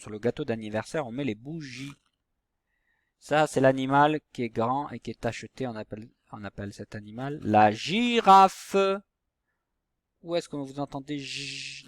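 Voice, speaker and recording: A man teaching a recorded phonics lesson to young pupils, saying each example word slowly and patiently. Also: mid-range voice, dry recording, clean studio sound.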